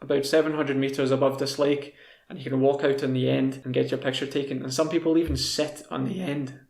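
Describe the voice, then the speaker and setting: Scottish young man, flat and gravelly, rambling casual storyteller, echoey room. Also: mid-range voice, brisk. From Scotland. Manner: relaxed, rambling, with fillers and restarts. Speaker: language video host. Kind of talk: casual storytelling for English learners.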